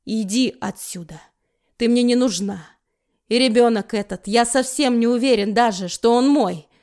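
A woman reading an audiobook voices a tough, gruff man who barks orders and taunts. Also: a little high, normal speed, darkish tone, natural voice. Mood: harsh. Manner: gruff, commanding. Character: tough commanding man shielding his woman.

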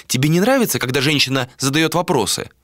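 A man's voice: fairly high pitch, animated, fast, a bit bright, no echo, clean studio sound, pitched above the performer's own voice. A man voicing an inquisitive, persistent young woman in an audiobook. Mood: probing. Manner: probing, persistent.

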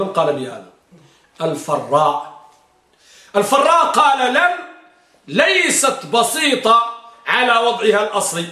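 A man's voice: high-pitched, pushed and bright, roomy sound. A man teaching a grammar lesson, quizzing his students with repeated questions and reciting in a sing-song lilt.

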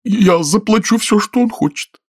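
Brief: man playing a fussy middle-aged wife, high pleading falsetto, audiobook role. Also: animated, normal speed, breathy edge. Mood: eager. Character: fretful middle-aged woman, hungry and fussy.

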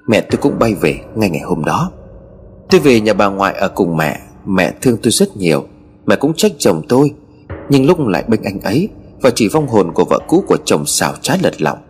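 A male storyteller reading a first-person horror tale, his pitch rising and falling in lively swings. Quiet music plays faintly under the narration.

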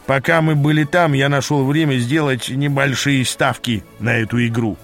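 A man's voice: mid-range voice, fairly even intonation, moderate pace, faint music behind, natural voice. A man voicing a bossy, sarcastic demon mentor in a fantasy audiobook. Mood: sardonic. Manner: sarcastic, commanding. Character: gruff, bossy, sardonic male demon mentor.

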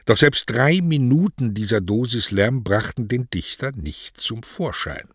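A man reading a novel aloud in lively, expressive storytelling narration. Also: mid-range voice, unhurried, slightly rough, no room sound, clean studio sound. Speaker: reader. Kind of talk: audiobook narration.

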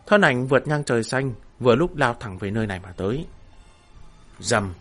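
Male narrator, mid-pitched, steady dramatic reading, faint music bed. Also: normal speed. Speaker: audiobook narrator. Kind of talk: fantasy novel narration.

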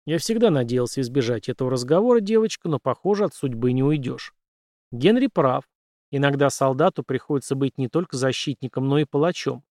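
A man voicing a somber older father, a former soldier, speaking in a measured, grave way. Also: medium pitch, lively intonation, a little mellow, no echo, studio quality, natural voice.

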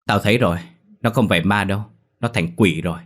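A man voicing a bold young male exorcist who answers bluntly and briskly. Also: sits low. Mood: brusque.

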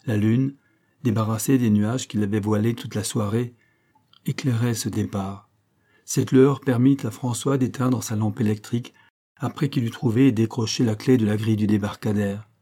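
Deep-voiced man reading a story. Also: fairly even intonation, normal speed, warm tone. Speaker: audiobook narrator. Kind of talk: scripted literary narration.

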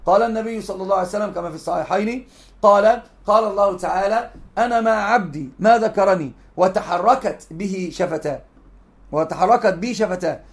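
A man's voice: high voice, brisk. A man giving a religious lesson, emphatic and repeating key phrases as he explains texts. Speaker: sheikh teaching hadith.

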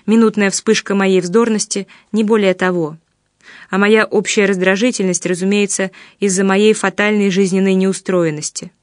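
A woman reading an audiobook in a steady, measured way. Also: mid-range voice, no room sound, studio quality. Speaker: narrator.

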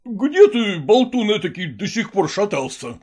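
A woman reading a storybook, voicing an enraged old male nobleman who blusters and shouts. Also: mid-range voice, very animated, measured pace, breathy edge, pitched below the performer's own voice. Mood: grumbling.

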